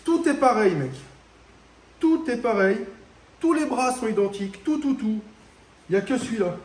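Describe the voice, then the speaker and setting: In a casual vlog from his garage workshop, a home mechanic shows a car repair, talking directly to the viewer in slang and swearing when things go wrong. His high-pitched voice is animated and darkish, at a moderate pace, with a roomy sound.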